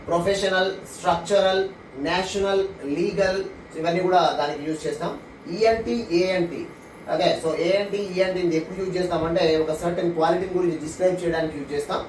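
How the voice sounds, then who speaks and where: A man with a Telugu accent teaching English grammar, reading English definitions slowly and then explaining them quickly. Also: high-pitched, echoey room, recorded from a distance, a little hiss or hum, low-quality recording.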